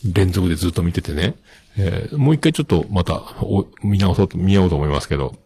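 A man's voice: sits low, lively intonation, quick pace, dark tone, breathy edge, dry recording. A middle-aged man hosting a podcast, chatting casually and rambling with many fillers as he reads listener mail. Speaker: podcast host.

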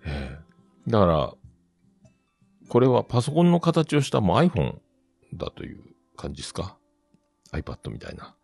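A man with a hosts a casual solo podcast, rambling through a story and acting out the other people in it. His voice sits low, but it swoops around a lot. The recording is dry and close, with faint music underneath. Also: wildly swooping pitch, normal speed, vocal fry, long pauses, darkish tone, husky, no echo. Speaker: podcast host.

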